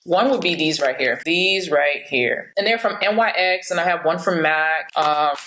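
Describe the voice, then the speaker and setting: A woman in her late thirties with a low voice talks openly and casually to her camera, chatty and frank, laughing easily. The sound bounces around a small room at home. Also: moderate pace, echoey room, background noise. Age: 30s. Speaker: beauty vlogger.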